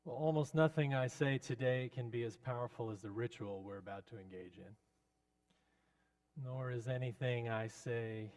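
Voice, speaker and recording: Slow, solemn male preacher. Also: fairly low pitch, darkish tone. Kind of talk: sermon, reflective pulpit homily.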